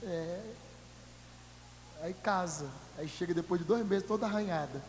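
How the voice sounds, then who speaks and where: Brazilian pastor preaching in an echoey hall. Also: male voice, high voice, measured pace, slight background noise. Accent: Brazilian Portuguese. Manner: humorous, acts out congregants' voices; swings from shouted to quiet. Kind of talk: sermon. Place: church hall.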